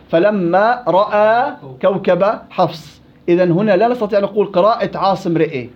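A man teaching a recitation class, asking students questions and quoting verses. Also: high voice. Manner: questioning, explains with examples and quoted verses. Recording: dull lo-fi classroom recording.

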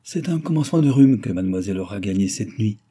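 A man's voice: lowish voice, animated, fast talker, dark tone, breathy edge. A man voicing a sly young chambermaid in an audiobook, talking in a sugary, insinuating way.

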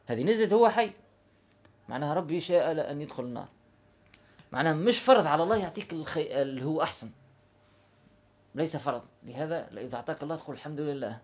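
Fast-talking religious teacher. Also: male voice, a little high. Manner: animated, quick, with recited verses. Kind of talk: informal religious lesson.

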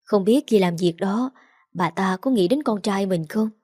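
A woman reading the part of a worried middle-aged mother who gives calm, firm advice. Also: medium pitch, normal speed, dry recording, studio quality, natural voice. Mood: concerned.

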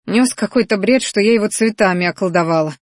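A woman's voice: fairly high pitch, lively intonation, moderate pace, darkish tone, no echo, clean studio sound, voice pushed up. A woman voicing a flustered, hot-tempered young female mage in an audiobook, with snappish, indignant outbursts.

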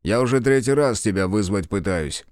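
A man voicing a gruff old general in his 70s. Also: fairly low pitch, expressive, a little mellow, no room sound, clean studio sound, close to an everyday voice. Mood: stern. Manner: slow, clipped, barking orders. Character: old male general, gruff, short-tempered.

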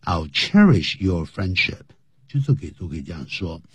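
A man's voice: low voice, very animated, normal speed, fairly bright tone, husky, dry recording. A man teaching English phrases in a radio lesson, explaining each one and spelling words out letter by letter.

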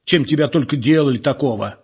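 Male reader doing a gruff man, mocking and loud. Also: mid-range voice, fast talker. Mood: angry. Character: burly man, scalded and furious. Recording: dull lo-fi audiobook recording.

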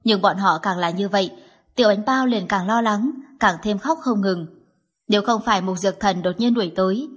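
A woman narrates a novel in a steady audiobook manner. Her voice is breathy and slightly husky, and it sits at an ordinary middle pitch.

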